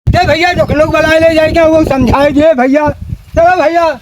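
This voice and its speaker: A man's voice: very high voice, fairly even intonation, moderate pace, background noise. A man with an Awadhi accent playing an imploring, lamenting village father who repeats his pleas in a comedy skit. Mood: pleading, despairing. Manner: imploring, repetitive.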